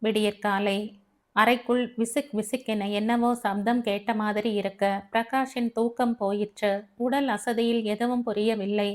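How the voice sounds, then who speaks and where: A woman's voice: a little high, a little slow. Woman narrating a family audio novel. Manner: steady storytelling. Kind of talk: scripted narration.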